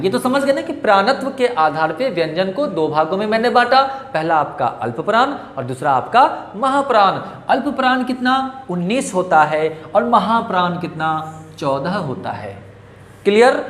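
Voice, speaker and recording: Male teacher, animated pitch, keeps quizzing his pupils, echoey room with a long ringing reverb. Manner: lively, repetitive, quizzes pupils with questions. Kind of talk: classroom grammar lesson.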